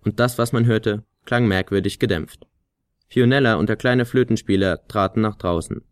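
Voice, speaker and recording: A man with a fairly low voice reads a storybook aloud, measured and vivid. The recording is dry and close, with no room sound. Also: clear, resonant tone, dry recording. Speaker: narrator. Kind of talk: storybook narration.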